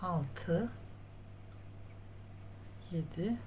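Speaking extremely slowly, a woman with a low, dark but animated voice narrates a step-by-step crochet tutorial while she works. She counts stitches out loud and talks to viewers as friends. The recording has room ambience and clear background noise.

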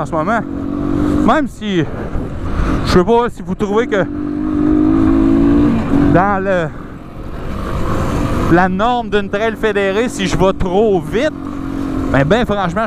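Man, Québécois accent, casual trail rant, swears, high voice, loud engine noise. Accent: Québécois French. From Quebec. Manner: informal, swears often, rhetorical questions. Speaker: motovlogger. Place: outdoors on a forest trail, riding a dirt bike.

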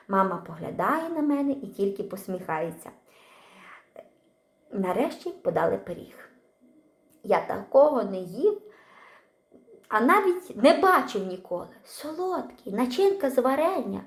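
A woman reading a children's story aloud, acting out the characters with an expressive voice. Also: high voice, reverberant.

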